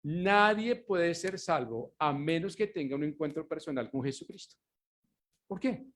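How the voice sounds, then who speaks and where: A man's voice: on the high side, lively intonation, fairly bright tone. A male pastor giving a sermon, stressing key words and asking his congregation rhetorical questions for them to finish. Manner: emphatic preaching with slowed, stressed words.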